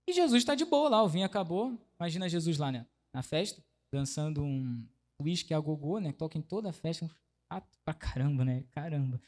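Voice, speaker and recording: Preaching in a chatty, conversational style, this man with a Brazilian Portuguese accent keeps asking the congregation questions and adding tag questions. His voice sits on the high side with a darkish tone, brisk pace and lively intonation.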